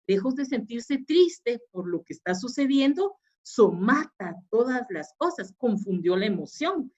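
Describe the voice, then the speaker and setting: A woman's voice: a little high, sing-song, a little slow, darkish tone. Woman lecturing in a webinar. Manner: explanatory, with frequent fillers and restarts. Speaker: psychologist. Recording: dull lo-fi webinar audio.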